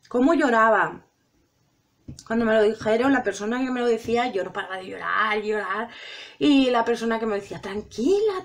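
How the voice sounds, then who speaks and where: A middle-aged woman from Spain with a high voice, chatting through a makeup tutorial. She talks straight to her viewers, chatty and self-dramatizing, with a Spanish accent. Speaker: beauty vlogger. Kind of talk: casual makeup tutorial chat.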